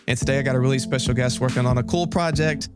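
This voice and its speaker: A man's voice: medium pitch, fast, loud music behind the voice. A male podcast host, upbeat and casual, welcoming a guest and asking questions with brief affirmations. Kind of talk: casual interview hosting.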